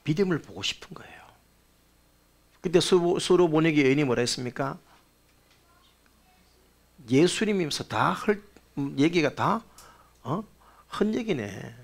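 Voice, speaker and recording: A male pastor preaching a sermon, telling a story with rhetorical questions, swinging between loud bursts and quiet asides. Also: a little high, expressive, measured pace, gravelly, long pauses. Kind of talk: sermon with anecdote.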